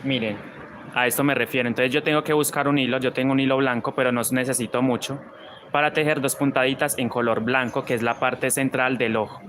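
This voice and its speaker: A man's voice: mid-range voice, steady tone, a little fast, fairly bright tone, a little hiss or hum. A man with a Colombian paisa accent teaching crochet on a live stream, chatting and reading viewer comments as he works.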